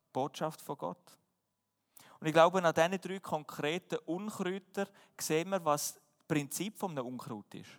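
A man's voice: a little high, fairly bright tone, long reverb tail. A man preaching a sermon, earnest and emphatic, often asking rhetorical questions.

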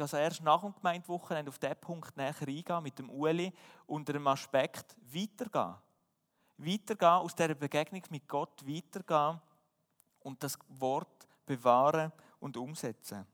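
A man's voice: on the high side, normal speed, fairly bright tone, in a large hall. A man preaching a sermon, earnest and emphatic, often asking rhetorical questions.

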